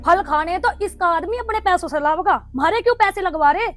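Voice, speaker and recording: A quarrelsome young daughter-in-law who nags and argues in a Haryanvi accent. Her voice is very high, with faint music underneath. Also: lively intonation, a little fast. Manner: sharp, nagging and argumentative.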